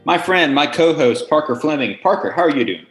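A man's voice: a little high, animated, fairly bright tone, roomy sound, faint music behind. A man hosting a podcast, chatting casually and teasing his co-host with jokes. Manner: quick, joking, teasing.

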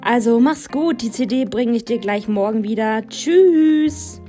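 A woman's voice: fairly high pitch, expressive, unhurried, dark tone, faint music behind. A woman voicing an eager, chatty teenage girl in a storybook, bubbly and a little pushy. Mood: cheerful.

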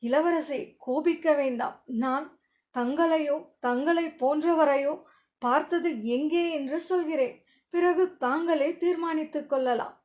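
Storybook audio: woman narrator voicing a teasing young male warrior, evasive and mock-humble, higher voice, lo-fi sound. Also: measured pace, darkish tone. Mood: sly. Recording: dull lo-fi audio.

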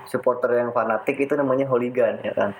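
A man speaking casual in a podcast chat, firing quick questions and interjections. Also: medium pitch, fairly even intonation, slight background noise, poor audio.

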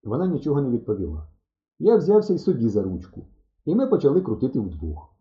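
A man reading a children's adventure story aloud with animated, boyish expression. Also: mid-range voice, quick pace. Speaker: audiobook narrator. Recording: dull, roomy lo-fi recording.

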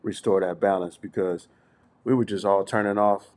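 A middle-aged man with a lowish voice co-hosts a relaxed group podcast. He tells stories at an easy pace, backing up to repeat words and checking in with his listeners as he goes. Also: normal speed. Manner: storytelling, repeats words, often says "you know what I'm saying". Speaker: podcast co-host. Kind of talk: casual group chat.

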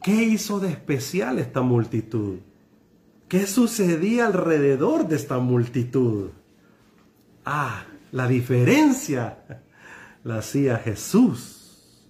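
A man preaching a sermon to an online congregation, animated and often checking in with his listeners. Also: medium pitch, slow. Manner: animated, frequent tag questions to listeners.

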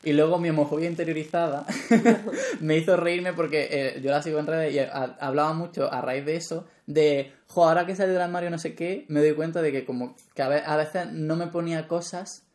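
A woman's voice: deep voice, moderate pace, a little mellow. A young woman co-hosting a podcast, talking in a rambling, casual way with lots of filler phrases. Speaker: podcast co-host. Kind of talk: casual chat.

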